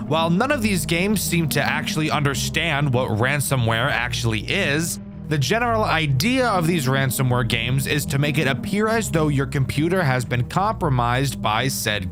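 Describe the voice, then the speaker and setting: Animated young man reviewing horror games. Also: mid-range voice. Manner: candid, swears casually. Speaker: gaming YouTuber. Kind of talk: casual game review commentary.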